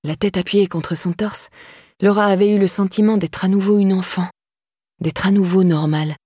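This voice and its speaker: A woman narrating an audiobook chapter in a calm, measured reading. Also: mid-range voice, slightly rough, dry recording, clean studio sound. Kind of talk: scripted narration.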